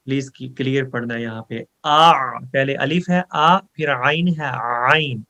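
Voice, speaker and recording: A man teaching Quran memorization, explaining pronunciation rules and reciting verses in a slow, drawn-out chant. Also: mid-range voice, sharp tone. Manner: explains Urdu rules mixed with English words. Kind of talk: online recitation lesson.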